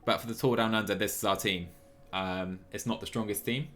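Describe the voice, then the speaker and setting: His voice on the low side, steady and a bit bright, a man goes a little fast as he live-streams a cycling management game. He chats casually and slightly apologetically while thinking aloud, with music in the background.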